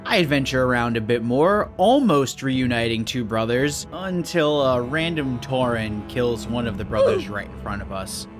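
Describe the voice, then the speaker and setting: A man's voice: medium pitch, animated, normal speed, few pauses. Dry, sarcastic male game narrator. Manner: dry, sarcastic, mock-suspicious. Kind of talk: scripted gameplay narration. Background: faint background music.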